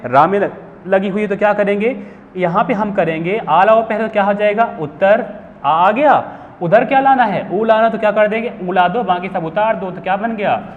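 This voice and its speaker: A young man teaching Hindi grammar in a classroom lesson, asking questions and answering them himself. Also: high voice. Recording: phone-like hall echo with faint hiss.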